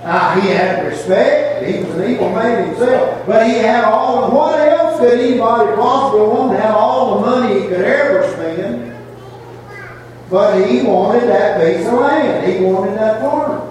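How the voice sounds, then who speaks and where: A man's voice: high-pitched, measured pace, a little mellow. A man preaching a sermon in a folksy storytelling way, repeating phrases for emphasis. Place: large reverberant church room. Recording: echoey hall, distant mic, faint noise.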